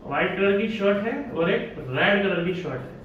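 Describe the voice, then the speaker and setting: A man's voice: high voice, lively intonation, normal speed, a bit bright, lo-fi sound. A man teaching a casual exam-prep lecture, chatty, asking and answering his own questions. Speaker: engineering exam tutor. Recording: echoey room from far off, faint hiss.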